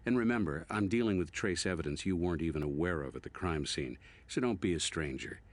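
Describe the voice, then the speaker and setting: A methodical American medical examiner for a video game. His voice sits very deep. He explains things in a dry, matter-of-fact and instructive way. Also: fairly quick. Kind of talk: scripted video game dialogue.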